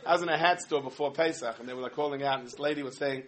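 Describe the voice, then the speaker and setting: Animated New man giving a sermon. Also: medium pitch, rapid-fire, background noise. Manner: animated storytelling with asides. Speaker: rabbi giving a talk. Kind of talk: humorous sermon.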